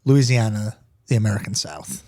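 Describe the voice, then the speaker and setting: A man's voice: fairly low pitch, expressive, moderate pace, mellow, no room sound, studio quality. A man co-hosting a podcast, chatting casually in a rambling, hesitant way. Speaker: podcast co-host. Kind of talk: casual chat.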